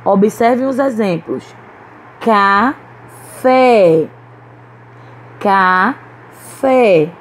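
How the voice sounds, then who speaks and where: In a recorded online class for young children, a woman teacher with a Brazilian Portuguese accent patiently breaks words into syllables. She's a primary school teacher with a mid-range, slightly mellow voice, and the poor recording has some hiss or hum.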